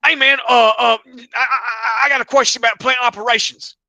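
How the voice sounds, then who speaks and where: A man's voice: very high voice, fairly even intonation, brisk, pushed and bright, no echo, exaggerated voice. A man voicing a rambling, stammering middle-aged caller with a who keeps repeating his words. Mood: frantic, rambling. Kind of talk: comic impression in a podcast story.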